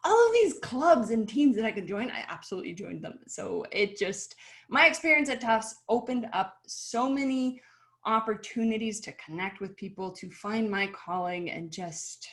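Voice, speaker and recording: A woman's voice: medium pitch, animated. Upbeat chatty woman from Chile. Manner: upbeat, chatty, laughs easily, some slow emphatic stretches. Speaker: panelist, company founder. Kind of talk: casual video-call panel talk.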